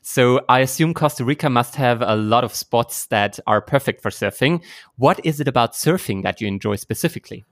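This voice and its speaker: A man's voice: medium pitch, fairly quick. A man hosting a podcast, asking questions in an upbeat, friendly way. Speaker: podcast host. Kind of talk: interview hosting.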